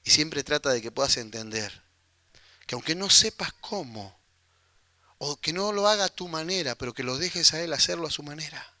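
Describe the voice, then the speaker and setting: A man with a Rioplatense Spanish accent preaches a lively sermon, slipping into the voices of the people in his story. His voice sits high and sounds very bright and forward. The recording is dry, with no room echo. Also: moderate pace. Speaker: pastor.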